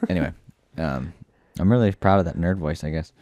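A man's voice: sits low, brisk, dark tone, no room sound. A man co-hosting a comedy podcast, rambling casually with lots of fillers and jokes. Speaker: podcast co-host.

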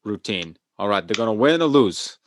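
Animated, chatty male podcast co-host. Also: lowish voice, moderate pace, no echo. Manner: animated, chatty, full of fillers. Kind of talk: casual sports podcast chat.

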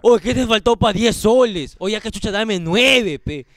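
Brief: male co-host with a Peruvian accent, very high and lively pitch, crude mocking banter full of swearing. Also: moderate pace, no echo. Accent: Peruvian Spanish. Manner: mocking, swears often, bursts into shouts. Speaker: podcast co-host reading donations.

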